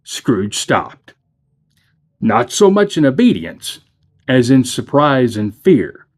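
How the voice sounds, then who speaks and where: A man reading a classic story aloud for a church, measured, with dramatic dips and rises in his voice. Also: medium pitch, wildly swooping pitch. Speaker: church reader.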